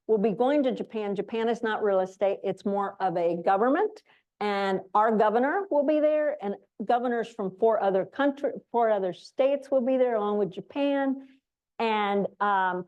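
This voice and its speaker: Speaking informally to an audience, an association representative covering global programs goes through announcements. Her voice is on the high side and a little mellow, at a moderate pace, and the audio has its highs cut off.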